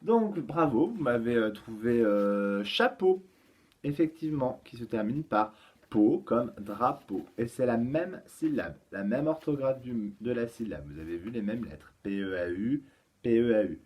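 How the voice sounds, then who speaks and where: Male teacher, patient and slow, for small children, lots of hesitations. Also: medium pitch, expressive, darkish tone, breathy edge. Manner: patient, explains slowly with many fillers. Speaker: kindergarten teacher. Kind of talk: home-schooling lesson for young children.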